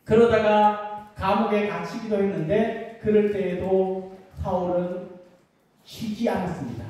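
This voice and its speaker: Warm-voiced woman preaching in an echoey church. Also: mid-range voice, fairly even intonation, measured pace. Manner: gentle, asks the children questions. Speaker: children's pastor. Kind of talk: children's sermon. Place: church sanctuary. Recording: echoey church hall from far off.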